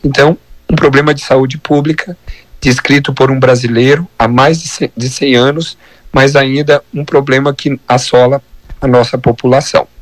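A hoarse Brazilian man, a doctor giving a measured, didactic health column on live radio. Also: medium pitch, steady tone, dry recording, rough recording. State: hoarse from viral laryngitis.

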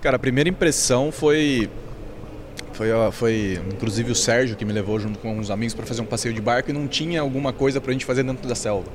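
Fast-talking man in a casual panel chat. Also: mid-range voice, noisy background. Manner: casual, rapid, many restarts and fillers. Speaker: panel guest, visitor.

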